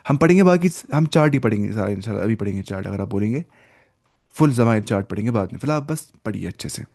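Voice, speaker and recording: A man teaching an online language lecture. He explains patiently step by step, mixes in English terms, and keeps repeating key words and asking the class quick check questions. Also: fairly low pitch, animated, a little mellow, no echo, studio quality. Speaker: Arabic teacher.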